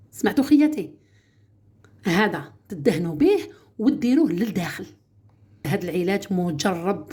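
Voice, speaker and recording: A woman's voice: mid-range voice, dark tone, slightly rough. A woman with an Algerian Arabic accent, demonstrating a home remedy in a chatty, casual way and often addressing her viewers as sisters.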